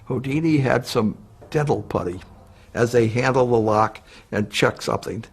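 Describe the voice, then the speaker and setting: A man's voice: medium pitch, moderate pace, slightly rough. A man demonstrating old lockpicks in a chatty documentary interview.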